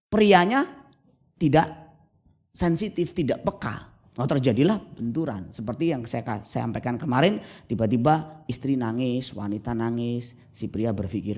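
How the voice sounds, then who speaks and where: A man preaching a sermon as pastor at a church service, telling stories with lively energy and acting out the voices of husbands and wives. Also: on the high side. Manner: lively storytelling, acts out spouses' voices.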